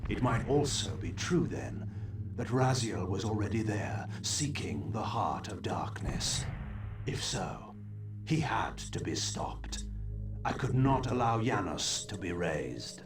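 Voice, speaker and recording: An actor playing a proud, brooding vampire lord in a video game, speaking in measured, haughty, formal diction. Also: male voice, lowish voice, sing-song, over music, exaggerated voice. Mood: grim resolve. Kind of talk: theatrical video game narration and dialogue.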